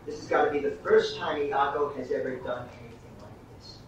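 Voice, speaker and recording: A man coaching actors through a master class, halting and repeating words as he explains. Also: medium pitch. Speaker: acting teacher. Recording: distant echoey room, muffled, faint hiss.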